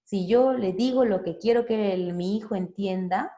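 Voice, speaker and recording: A woman's voice: mid-range voice, normal speed, warm tone. A woman psychologist, giving an informal talk for parents, explaining step by step and often checking in with tag questions. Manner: conversational, frequent tag questions.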